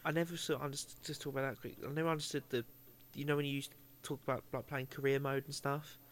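A man's voice: mid-range voice, level tone, fast. A man co-hosting a podcast, jokey and swearing in casual chat. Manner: swears, jokey, laughs a lot. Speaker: podcast co-host.

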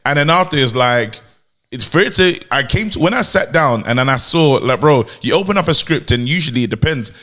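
A man with a London roadman accent telling animated stories in casual, slang-filled podcast chat, acting out quotes. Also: fairly high pitch, a little fast. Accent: London, urban roadman slang style.

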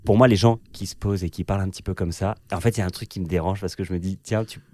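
A man as a podcast guest chatting casually, thoughtful, moving between a relaxed low voice and a higher, perched one. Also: very fast, dry recording. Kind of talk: casual chat.

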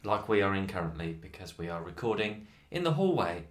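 A man chatting casually as a hobby podcast co-host, recorded in the echoey hallway of a flat. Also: low-pitched, brisk.

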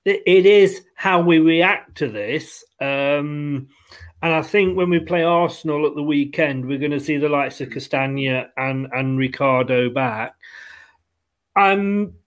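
A chatty man with a notably high voice hosts a football fan call-in. He talks casually and tends toward the apologetic, like someone talking among fellow fans. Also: a little slow.

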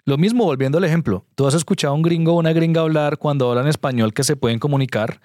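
A man's voice: on the high side, fast, darkish tone, no room sound, studio quality. A man, a guest on a podcast, talking earnestly and emphatically as he gives direct advice. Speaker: guest investor. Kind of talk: conversational podcast interview.

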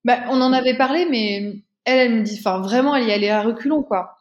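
A woman's voice: fairly high pitch, fast, dull audio. A woman, a guest in an interview, telling a personal story casually, with many fillers and restarts.

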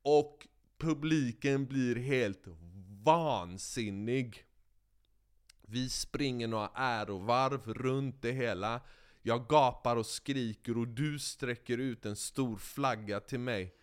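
This man talks with a smooth, resonant voice at an ordinary middle pitch. He spins a cocky, foul-mouthed story in a loose, conversational way and keeps the momentum going. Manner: lively, profane, boastful storytelling. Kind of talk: casual chat, animated storytelling.

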